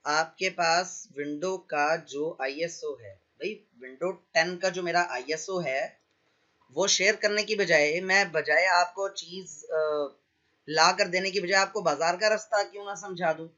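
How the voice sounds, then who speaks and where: A man with a fairly high voice teaches a computer lesson step by step. He explains patiently and often stops to check that the class is following. The sound is a little dull and lo-fi. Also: a little slow, bright, forceful tone. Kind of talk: screen-share tutorial.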